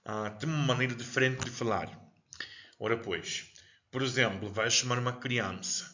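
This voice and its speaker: A man's voice: medium pitch, brisk, pushed and bright, highs cut off. A male teacher with a Paraná accent giving a recorded class lecture, chatty and digressive, constantly checking in with the listener. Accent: Paraná, southern Brazil.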